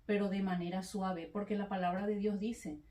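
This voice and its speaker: Measured woman teaching, mellow and distant. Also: mid-range voice, level tone. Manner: measured, explanatory, with frequent affirming interjections. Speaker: evangelist and speaker. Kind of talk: calm teaching in a faith conversation. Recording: echoey room, voice from a distance.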